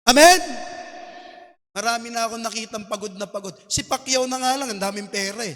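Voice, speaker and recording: A male pastor with a Filipino accent preaching a sermon, mixing Tagalog and English and building to loud exhortations. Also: high-pitched, steady tone, quick pace. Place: church hall. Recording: long hall reverb.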